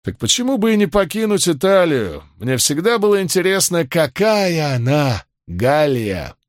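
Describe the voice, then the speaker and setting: An easygoing gladiator captain from a storybook who speaks in an offhand, casual way with a lifted pitch. A man acts him out in a dry recording. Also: big pitch swings, moderate pace, no room sound.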